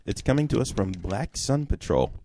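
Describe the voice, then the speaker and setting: A man's voice: lowish voice, very animated, normal speed, mellow, slight background noise. A man co-hosting a casual podcast, reading a listener's email aloud with dry asides. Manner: reads with dry asides and laughs. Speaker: podcast co-host.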